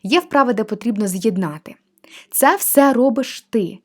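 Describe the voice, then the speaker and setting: A woman's voice: fairly high pitch, expressive, moderate pace. A young woman, a language teacher, gives a friendly step-by-step walkthrough of an interactive course platform. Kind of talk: screen-share walkthrough of a textbook.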